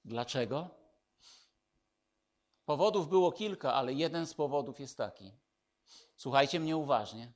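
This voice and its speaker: Male preacher, slightly high voice, slow and emphatic, shifts from proclaiming to hushed. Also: animated. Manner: emphatic preaching, swinging between loud declarations and hushed intimate lines. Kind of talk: sermon.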